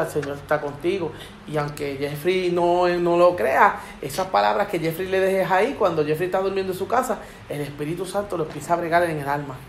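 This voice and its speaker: A man with a high, bright voice tells faith stories in a lively, preachy way. He sounds like he is in an echoey room, with a faint hiss underneath. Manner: animated storyteller, preachy, acts out quotes. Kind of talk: casual faith testimony chat. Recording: echoey room with background noise.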